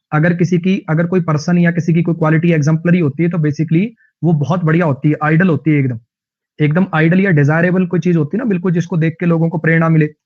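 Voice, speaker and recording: A slightly high-voiced male teacher, his Hindi tinged with Haryanvi, banters through an online vocabulary lesson. He fills it with jokes and vivid anecdotes, though the recording is muffled.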